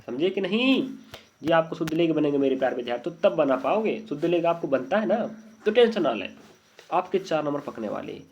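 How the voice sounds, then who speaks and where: A man teaching an exam-prep spelling lesson, checking often that his students follow. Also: fairly high pitch. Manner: repeated checking questions to students. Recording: dull lo-fi audio.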